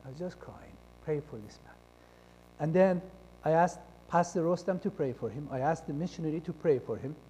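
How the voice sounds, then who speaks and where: Casting: man from Iran, high voice, telling his testimony, acting out the dialogue, loud one moment and hushed the next. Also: expressive, moderate pace, slight background noise. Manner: acts out quoted dialogue, shifting between loud and hushed. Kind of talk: personal testimony storytelling. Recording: long reverb of a large hall.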